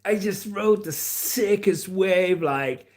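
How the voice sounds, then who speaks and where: A man's voice: high voice, slow, a little mellow, pitched above the performer's own voice. A man putting on a laid-back young surfer dude, drawling and stretching out his slang. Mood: stoked.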